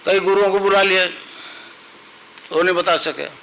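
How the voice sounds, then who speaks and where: A man's voice: high-pitched, fairly even intonation, moderate pace, a bit bright, slight background noise, rough recording. An older man, a spiritual guru, giving a devotional sermon, telling a story and patiently repeating a mantra for his listeners.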